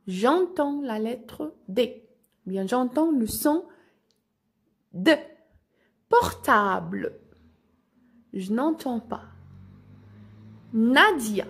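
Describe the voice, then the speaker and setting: A woman teacher with a North African French accent, giving a slow phonics lesson for children and carefully spelling out each syllable. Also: a little high, dark tone, slightly rough.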